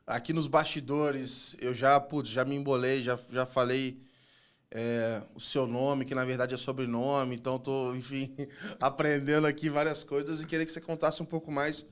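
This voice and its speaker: A man hosting a podcast interview, relaxed and slangy, often calling his guest "cara". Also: mid-range voice, clear, resonant tone. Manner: laid-back, slangy, says "cara" often. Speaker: podcast host. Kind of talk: casual interview chat.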